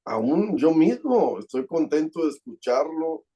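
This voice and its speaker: Mellow-voiced male church interpreter. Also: a little high, measured pace, lo-fi sound. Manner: steady, fluent rendering, reads verses aloud. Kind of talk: live sermon interpretation and scripture reading.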